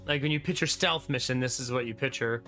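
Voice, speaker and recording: Bright-voiced man, sarcastic game streamer. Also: mid-range voice. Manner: sarcastic, joking. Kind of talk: casual live gameplay commentary.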